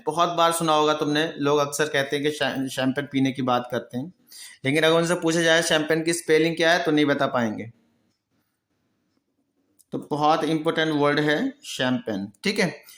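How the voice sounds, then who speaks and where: A male teacher giving a vocabulary lesson, who explains patiently, answers his own questions and repeats each word slowly. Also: fairly high pitch, fairly bright tone, roomy sound. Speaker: English pronunciation teacher. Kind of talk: Hindi-language vocabulary lesson.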